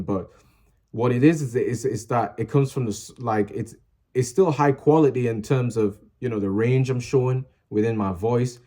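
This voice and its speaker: This young music-video maker has a mellow, mid-range voice and addresses his audience in a rambling, motivational vlog. With lots of fillers and false starts, he earnestly pushes them to post whatever they love.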